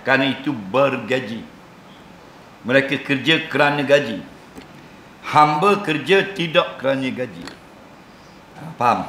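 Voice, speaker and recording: Jokey preacher in an echoey mosque. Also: male voice, fairly high pitch, pushed and bright, slight background noise. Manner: jokey, keeps checking the audience understands. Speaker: religious lecturer. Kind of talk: humorous mosque lecture with questions to the audience. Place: mosque hall. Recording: roomy mosque hall sound.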